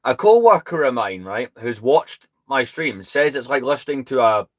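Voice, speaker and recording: Calm, soothing British man chatting. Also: medium pitch, moderate pace. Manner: rambling, chatty, self-deprecating. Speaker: host. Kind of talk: casual livestream chat.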